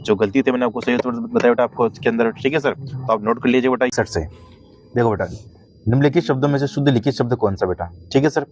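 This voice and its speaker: A man's voice: medium pitch, fast, hardly any pauses, darkish tone. A man teaching a Hindi spelling lesson to students, speaking Hindi with a Hindi accent, repeating "thik hai sir" and calling the students "beta" again and again. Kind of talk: online class lesson.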